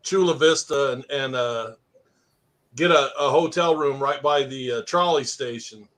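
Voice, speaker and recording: A man's voice: medium pitch, unhurried, a bit bright. A middle-aged man telling rambling stories in a casual chat, laughing often.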